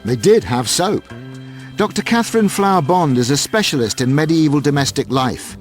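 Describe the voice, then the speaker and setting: A man delivering scripted, measured documentary narration. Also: a little high, animated. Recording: narration over clear background music.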